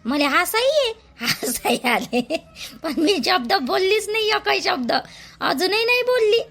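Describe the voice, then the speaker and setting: Brief: an exclaiming, bright-voiced gossipy wife, Vidarbha Marathi accent, high pitch. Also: female voice, measured pace, creaky, exaggerated voice. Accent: Marathi, Vidarbha dialect. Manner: excitable, exclaiming. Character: excitable married woman gossiping about her husband.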